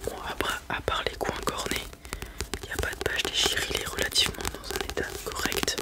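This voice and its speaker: A person doing a whispered role-play as a polite, helpful librarian, in a breathy, unvoiced whisper close to the microphone. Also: fairly quick. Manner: polite, helpful customer-service patter. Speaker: ASMR performer playing a librarian.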